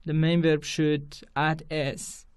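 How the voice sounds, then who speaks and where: A man's voice: a little high, flat delivery, takes it slowly, clear, resonant tone. A man with a Kurdish accent, a native Kurdish speaker, teaching an English grammar lesson to students and repeating each example sentence with care.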